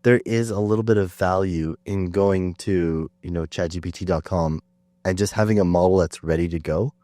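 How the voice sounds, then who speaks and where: A man's voice: low voice, moderate pace, mellow, no room sound. A man hosting a podcast, chatting casually with many fillers and restarts. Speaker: podcast host. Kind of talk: casual conversation.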